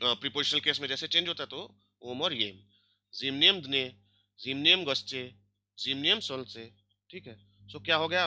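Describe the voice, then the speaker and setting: A man's voice: medium pitch, bright, forceful tone. A man teaching a grammar lesson online, explaining step by step and checking in often with his students. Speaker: language teacher.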